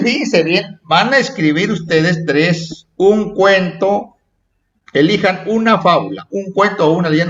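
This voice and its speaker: A man's voice: high-pitched, a bit bright. A man teaching a children's class, repeating himself and checking in with the kids. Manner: repetitive, checking in with "¿sí?" and "¿eh?". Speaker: primary school teacher. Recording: echoey dull lo-fi room recording.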